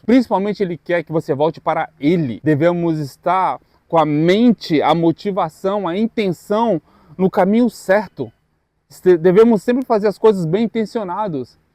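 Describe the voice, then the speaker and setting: A man preaching a devotional sermon. He speaks earnestly in short, measured phrases with pauses. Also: high voice, a little mellow, no echo, studio quality.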